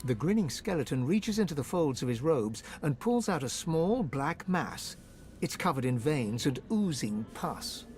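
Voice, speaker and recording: A man acting as a grave, ominous storyteller, narrating a dark fantasy video game with brooding drama. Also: fairly high pitch, big pitch swings, a little slow, a little hiss or hum.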